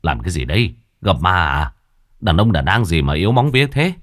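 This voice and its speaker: A man's voice: low-pitched, sing-song, brisk. A man voicing a tall, burly male villager who coarsely mocks a frightened young man. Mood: mocking. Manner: mocking, coarse.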